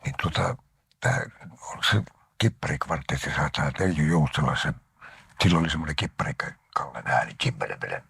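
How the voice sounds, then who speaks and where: An older man from Finland, an actor giving an interview, telling anecdotes about his life and often sinking into a breathy half-whisper. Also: extremely low pitch, pushed and bright, no room sound, clean studio sound. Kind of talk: reminiscing interview talk.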